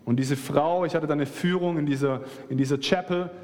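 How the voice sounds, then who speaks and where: A man delivers a passionate sermon and speaks straight to his congregation. His voice sits somewhat high for a man. It rings out with the long reverb of a large church hall. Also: brisk, a little mellow. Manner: impassioned, addresses the listeners directly. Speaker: preacher.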